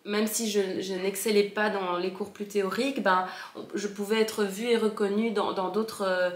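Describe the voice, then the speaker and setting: A woman whose first language is French fondly recalls her years as a Steiner school pupil in a relaxed, casual chat. Her medium-pitched voice is hesitant, with many fillers, pauses, and restarts, and the room sounds echoey.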